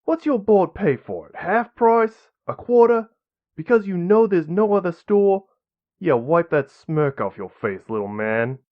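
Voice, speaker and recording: A man's voice: sits high, animated, measured pace, pitched above the performer's own voice. A raging male mercenary liaison bellows insults, his voice soaring and swinging wildly up and down, as a man reads him in an audiobook. The sound is a little dull, like a lo-fi home recording. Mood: furious. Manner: shouting, spitting insults.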